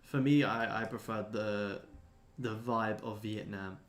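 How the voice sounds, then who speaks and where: This livestream host, a day trader in his twenties, speaks slowly in a fairly low-pitched, steady voice. He answers viewers casually, sounding laid-back, blokey and sweary.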